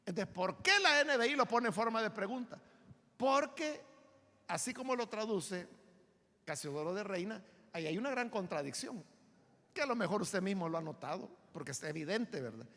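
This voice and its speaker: A man's voice: high-pitched, expressive, moderate pace, bright, forceful tone, long reverb tail. A Salvadoran pastor teaching a Bible study sermon in a church. He explains emphatically and often asks listeners to agree. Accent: Salvadoran Spanish.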